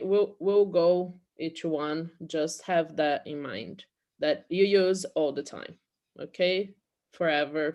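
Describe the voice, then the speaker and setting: A woman's voice: low-pitched, a little mellow. Patient Brazilian woman teaching English. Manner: patient, explains slowly, checks in with frequent "okay?". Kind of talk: online class teaching English in Portuguese.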